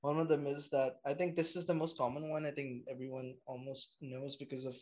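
A young man co-hosting a casual podcast, with a dry, flat way of speaking. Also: mid-range voice, a little fast. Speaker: podcast co-host. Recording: dull, muffled lo-fi sound.

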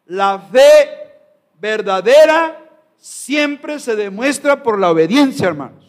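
A man's voice: high voice, lively intonation, takes it slowly. A male pastor preaching a sermon to his congregation, emphatic and full of rhetorical questions. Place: church sanctuary.

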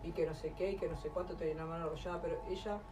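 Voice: mid-range voice, steady tone, rapid-fire. An audience member at a live talk explaining personal experiences. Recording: distant voice from a room with a crowd.

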